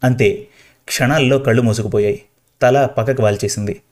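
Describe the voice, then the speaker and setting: A man narrating a first-person story in a quiet, even storytelling way. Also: medium pitch, brisk.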